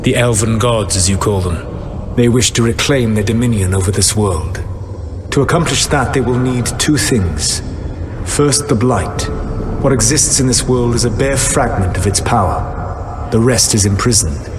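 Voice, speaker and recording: An actor playing an ancient elven god, the Dread Wolf, who speaks calmly, formally and deliberately in a video game cutscene. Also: male voice, mid-range voice, over music, lightly acted. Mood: grave. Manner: calm, deliberate, formal speech.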